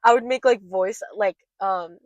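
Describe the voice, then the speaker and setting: A young woman co-hosting a podcast chats candidly and rambles, saying "like" a lot. Her medium-pitched voice is a little slow, and the recording is dry.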